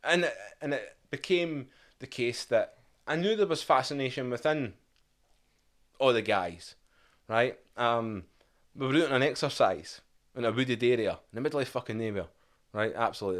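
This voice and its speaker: Man, Edinburgh Scottish accent, podcast guest, casual profane storytelling, middle pitch. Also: moderate pace. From Scotland. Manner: lively, profane storytelling, acting out shouted quotes.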